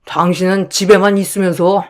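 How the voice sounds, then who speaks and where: A woman's voice: on the low side, little pitch movement, brisk, natural voice. Tired brushoff husband, played by a woman, sides w his parents. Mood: dismissive. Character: dismissive tired husband, young adult. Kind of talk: story drama voice acting.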